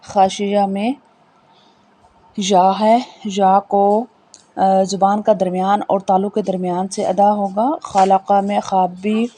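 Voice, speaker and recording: A woman teaching a Tajweed lesson, spelling out letters slowly and patiently explaining how each one is pronounced, with faint background noise. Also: medium pitch, little pitch movement, mellow. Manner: slow, patient, repeats each point. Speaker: Quran reading teacher.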